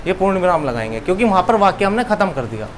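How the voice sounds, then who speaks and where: A man's voice: high voice, big pitch swings, racing, slight background noise. A young man teaching a classroom lesson, repeating key words and asking questions he then answers himself.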